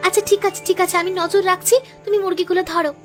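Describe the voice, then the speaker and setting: A woman's voice: extremely high pitch, fairly even intonation, music in the background. A woman voicing a sly, bossy village woman in a cartoon, plotting and hurrying her partner along. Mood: scheming. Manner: conniving, bossy, quick. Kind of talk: cartoon dubbing.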